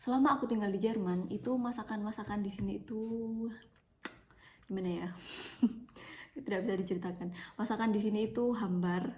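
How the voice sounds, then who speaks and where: Brisk yet mellow, a young Malang woman speaks in a steady, medium-pitched voice broken by long pauses. Talking into her phone for a personal vlog, she uses an East Javanese accent and repeats words for emphasis. She's from East Java, Indonesia.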